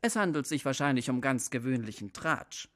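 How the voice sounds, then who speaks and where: A man's voice: medium pitch, expressive, moderate pace, a bit bright, natural voice. A man voicing a proud, defiant young man who speaks earnestly and insistently. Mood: indignant.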